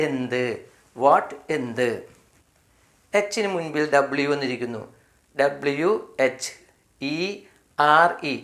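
A man with a Malayali accent teaching English spelling, slowly spelling each word letter by letter and repeating its meaning. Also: medium pitch, a bit bright. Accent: Malayali, from Kerala. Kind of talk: spelling and pronunciation lesson.

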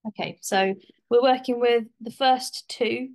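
A woman's voice: a little high, fairly even intonation, measured pace, a little mellow. A woman giving a chatty, informal craft demonstration in a live webinar, on a home video call. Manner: chatty, informal, with fillers and restarts. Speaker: craft presenter.

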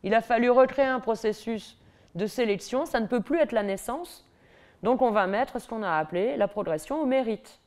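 A woman's voice: a little high, moderate pace, a little mellow. Woman professor explaining patiently. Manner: explains step by step, addresses listeners directly. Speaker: university professor. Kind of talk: explanatory lecture.

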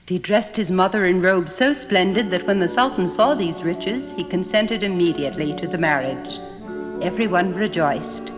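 A woman narrating a fairy tale in a measured storytelling manner. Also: lowish voice, lightly acted. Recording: echoey hall, music behind.

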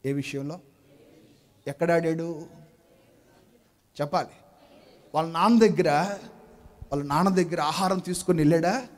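A man's voice: on the high side, moderate pace, pauses often. A male pastor preaching a sermon, telling a story with acted-out voices and questions to the congregation.

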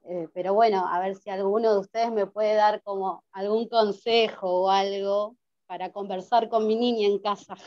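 A woman's voice: mid-range voice, fairly even intonation, normal speed, darkish tone, no echo. An Argentine woman asks a question from the audience of an online panel. She sounds hesitant and searches for her words. The call audio is dull and dry, with no room sound. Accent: Argentine Spanish. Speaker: audience member asking a question.

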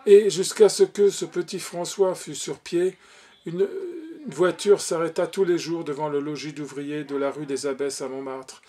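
A man reading a short story aloud as an audiobook, expressive, giving the characters' lines their own voices. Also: fairly high pitch, moderate pace. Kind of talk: audiobook narration.

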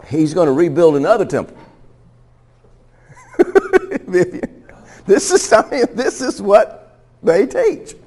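A man's voice: mid-range voice, darkish tone. Male pastor with a mid-range voice, teaching casually from scripture, laughing as he goes. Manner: conversational, laughs often, restarts and stumbles. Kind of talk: sermon teaching.

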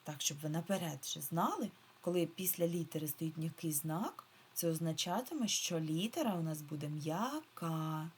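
A woman teacher with a somewhat low voice leads a remote reading lesson for young children. She draws words out slowly and sounds them out syllable by syllable, repeating each one patiently. A faint hiss sits under her voice. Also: darkish tone. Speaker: primary school teacher.

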